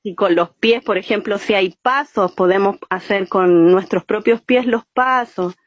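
A woman's voice: mid-range voice, unhurried. A woman, a storytelling teacher, explaining voice and body exercises step by step in an interview. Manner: patient, explains step by step with "¿cierto?" checks. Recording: muffled, dry sound.

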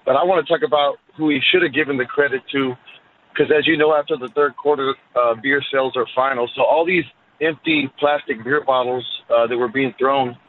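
A man's voice: medium pitch, fairly even intonation, fairly quick. A man calling in to a sports radio show over the phone from his car, talking with dry sarcasm. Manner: dry, sardonic, wry sarcasm. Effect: phone line. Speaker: caller. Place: in a car, driving. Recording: tinny phone line with faint road noise.

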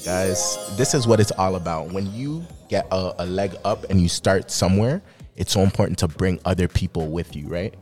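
A man's voice: low voice, moderate pace, a little mellow, soft background music. A man hosting a podcast in a casual, upbeat and encouraging way. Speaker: podcast host. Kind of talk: casual podcast interview chat.

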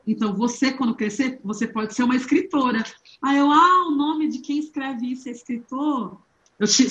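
Brazilian woman telling her own story, kinda high voice, slow and thoughtful, roomy echo and dull sound. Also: a little mellow. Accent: Brazilian Portuguese. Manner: reflective, acts out remembered voices. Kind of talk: personal recollection. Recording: echoey room, dull lo-fi sound.

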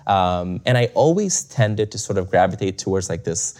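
A young man from a Bulgarian upbringing sits as a guest in a relaxed, conversational interview, speaking reflectively with many restarts, fillers and frequent chuckles. His voice sits low, expressive and a little mellow, at normal speed.

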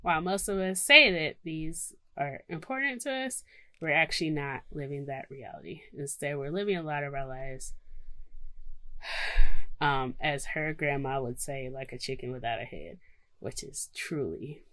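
A woman's voice: low-pitched, a little slow, sharp tone, dry recording. A woman co-hosting a podcast, informally mixing casual chat with self-care advice read aloud. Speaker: podcast co-host.

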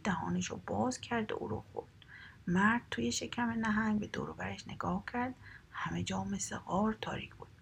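A woman reading a children's story aloud in a soft, half-whispered storytelling voice. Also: medium pitch, gravelly, slight background noise.

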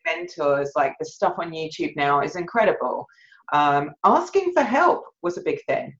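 A woman filmmaker, the guest on an interview show, telling her story in an animated, rambling way and laughing at herself. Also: low voice, moderate pace, muffled recording.

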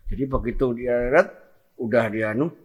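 A man's voice: mid-range voice, normal speed, breathy edge. A man with a Javanese accent telling a story in casual chat, acting out scenes with sound effects. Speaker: guest telling a tall tale.

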